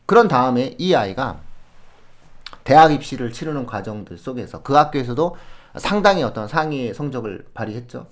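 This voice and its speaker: A man on an education podcast, telling classroom stories in an animated way and laughing often as he gives advice. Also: mid-range voice, fairly quick. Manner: animated storytelling with frequent laughs; explains in a friendly advising way. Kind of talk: conversational podcast talk.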